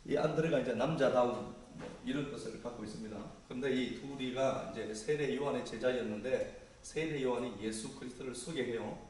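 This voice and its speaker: Male pastor, mid-pitched, relaxed conversational sermon; distant mic in a very echoey hall with faint ambience. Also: fairly quick, a little hiss or hum. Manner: conversational preaching, paraphrasing scripture in casual speech.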